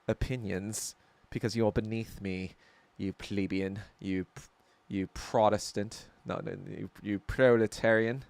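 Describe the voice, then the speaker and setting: A man's voice: on the low side, no echo. A man voicing a sarcastic, condescending rich British snob who looks down on commoners. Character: sneering posh rich British snob, male adult.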